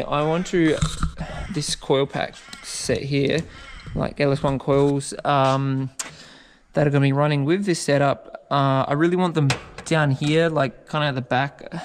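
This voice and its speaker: A man's voice: a little high, a little hiss or hum. A man chatting casually as a car build vlogger, laid-back, sweary and full of slang. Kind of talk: casual chat.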